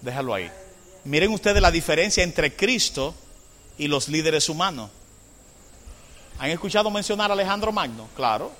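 A man preaching a sermon, moving between hushed asides and loud, drawn-out proclamations, often asking the congregation questions. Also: on the high side, lively intonation, a little hiss or hum. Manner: asks the congregation rhetorical questions. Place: church. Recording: long hall reverb.

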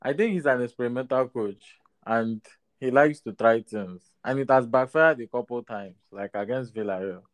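A man's voice: medium pitch, normal speed. A man in a casual sports discussion who often tags his phrases with a questioning "right?". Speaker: football podcast panelist.

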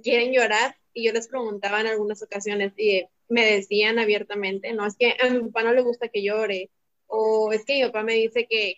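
A woman, a teacher and mother chatting casually as a podcast guest and telling anecdotes with light laughs. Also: on the high side. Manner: talkative, tells anecdotes, laughs lightly while speaking. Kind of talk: casual conversation. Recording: dull lo-fi audio.

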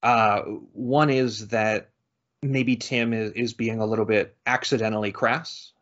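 A man's voice: fairly low pitch, steady tone, a little slow, a bit bright. A man co-hosting a casual podcast discussion, thoughtful and hesitant, often restarting his sentences. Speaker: podcast co-host. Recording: dull lo-fi audio.

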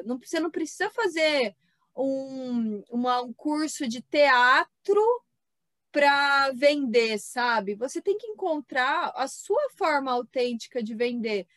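A Brazilian woman co-hosting a podcast in casual chat, lively and acting out quotes from artisans. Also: sits high, no echo. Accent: Brazilian Portuguese. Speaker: podcast co-host.

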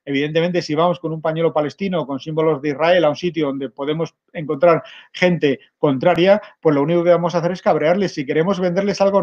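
A middle-aged man with a Spanish accent, giving an energetic online conference talk straight to his audience over a webcam. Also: a little high, highs cut off. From Spain. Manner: energetic, direct, addresses audience as "mirad". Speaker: conference speaker.

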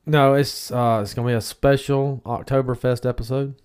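A man with a smoker's rasp, bantering casually as a podcast co-host. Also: mid-range voice, flat delivery, normal speed, darkish tone. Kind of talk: casual beer-review banter.

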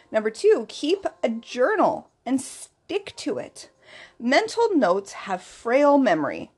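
Female advice vlogger: upbeat, orderly presenter delivery, animated intonation, fairly high pitch. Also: breathy edge. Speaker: vlogger giving business tips. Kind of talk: scripted advice vlog.

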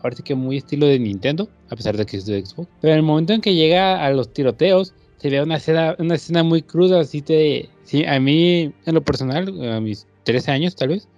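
A young Mexican man sharing a memory in relaxed, casual chat. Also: a little high, brisk, hardly any pauses, lo-fi sound, faint music behind.

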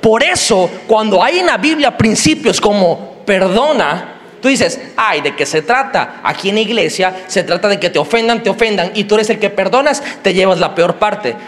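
A man with a Mexican Spanish accent preaching a sermon, animated and joking, sometimes squealing in a high put-on voice. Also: normal speed. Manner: animated, jokey, acts out squealing characters in a high voice. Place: large church hall. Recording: long hall reverb.

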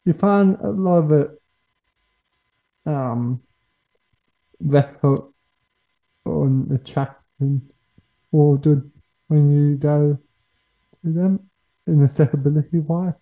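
A man hosting a casual podcast interview in halting, fragmented phrases. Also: on the high side, vocal fry, highs cut off. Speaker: podcast host.

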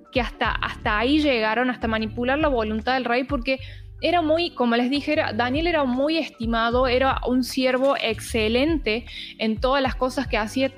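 Woman with a high voice reading bible verses and explaining them, slow with little restarts, soft music behind. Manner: reads slowly with small stumbles and restarts. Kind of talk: Bible teaching chat, reading scripture aloud.

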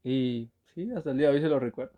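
A man's voice: mid-range voice, quick pace, dark tone. Laughing guy telling a story. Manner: storytelling, laughs often, tags lines with "va". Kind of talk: casual chat.

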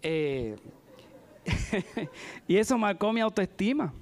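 A man's voice: sits high, sing-song, slow. A man preaching a sermon in a church, telling personal stories in a chatty way and often checking in with the congregation. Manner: chatty, frequent "¿verdad?" asides, addresses the congregation.

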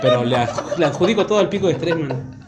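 A man's voice: fairly high pitch, animated, fast talker, a crowd in the background. A young man from Argentina with a Córdoba accent, hosting a podcast and teasing his friend through laughter. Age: young adult. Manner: teasing, laughs while talking. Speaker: podcast host. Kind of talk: casual chat.

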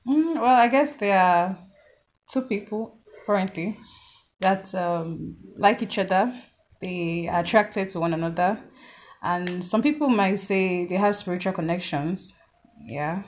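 A woman with a Nigerian accent giving casual, measured and somewhat hesitant answers as a podcast guest. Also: medium pitch. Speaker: podcast guest, food business owner.

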